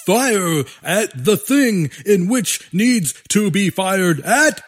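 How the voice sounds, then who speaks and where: A man's voice: sits high, expressive, slow pace, full character voice. A man voicing fanatical human generals who scream pompous, circular orders. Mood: ranting. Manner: bombastic, shouting.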